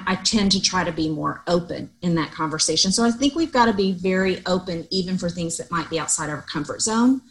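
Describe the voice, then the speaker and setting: Expressive woman podcast co-host. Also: on the low side, low-quality recording. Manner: loud, expressive talker. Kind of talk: casual discussion.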